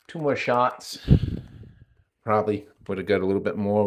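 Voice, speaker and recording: A man with a New England accent, casually narrating a hands-on gear test, calling out readings with chatty, rambling asides. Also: deep voice. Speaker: channel host testing gear.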